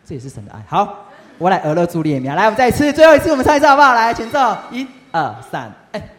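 A young man tells a lively testimony story to a youth group, often asking the audience questions. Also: sits high, very fast, faint music behind. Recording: reverberant hall.

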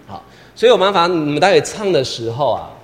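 Fast and sing-song, a man's voice on the high side directs a choir rehearsal, with slight background noise. He sings lines to demonstrate, counts the singers in, and patiently repeats what he wants. Piano accompaniment sounds behind him amid long hall reverb.

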